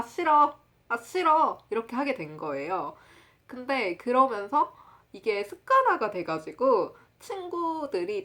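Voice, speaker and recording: Animated young korean woman telling a story. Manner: lively, acts out quotes in a loud high voice; laughs often while telling. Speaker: vlogger. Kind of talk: casual storytelling to camera.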